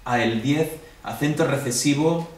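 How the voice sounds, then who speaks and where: A man's voice: medium pitch, measured pace. A man with a Spanish accent leads a classroom review, walking through each answer and asking his students questions along the way. He is recorded from a distance in an echoey room, with a faint hum underneath. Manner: explains step by step, asks the class questions. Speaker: Greek teacher.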